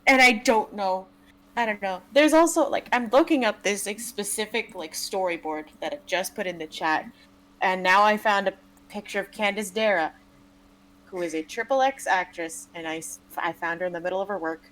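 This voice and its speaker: A woman joining a live stream as a co-host, chatting casually with quick quips, frequent giggles and free swearing. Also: medium pitch, a bit bright, a little hiss or hum.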